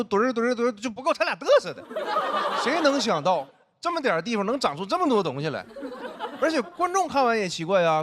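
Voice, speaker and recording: A man performing a stand-up comedy set on stage, animated and acting out other people's voices. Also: high voice. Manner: animated, acts out friends' teasing voices. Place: stage before a live audience. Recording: noisy live show audio. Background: audience laughter.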